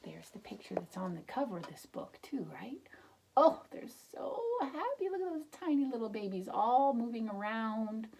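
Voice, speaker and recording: A woman with a gravelly, somewhat high voice reads a picture book to children at a moderate pace, full of expression. Along the way she explains words and asks the listener questions. The mic is distant, with slight background noise.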